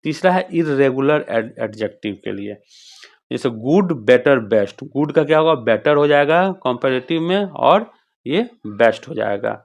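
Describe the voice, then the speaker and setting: A man teaching an English grammar lesson, reading English lines slowly and explaining fast in Hindi while asking the class questions. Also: mid-range voice, animated, gravelly.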